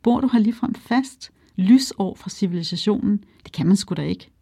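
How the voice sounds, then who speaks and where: A narrator voicing a crude, cocky young male sailor, rising high when he mocks. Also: expressive, gravelly, dark tone, dry recording, clean studio sound. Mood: mocking. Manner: crude, mocking.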